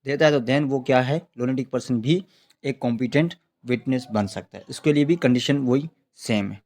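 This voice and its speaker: Speaking in Urdu peppered with English legal terms, a man with a Pakistani accent gives an exam-prep law lecture to students in a medium-pitched, darkish voice at a normal speed. He repeats and rephrases his points, poses questions only to answer them himself, and keeps tossing in check-in tags.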